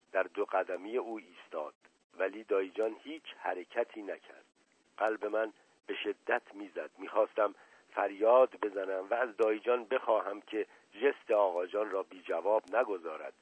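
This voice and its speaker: A man narrating a story in a measured, expressive reading, heard over a narrow-band radio broadcast. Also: sits low, slightly rough, no echo.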